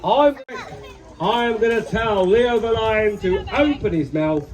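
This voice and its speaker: A man with an English accent voicing an excitable, teasing clown puppet in an interactive children's show, exclaiming in pantomime style. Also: high-pitched, measured pace. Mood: bossy, indignant. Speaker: Punch and Judy puppeteer. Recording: noisy outdoor recording with loud crowd.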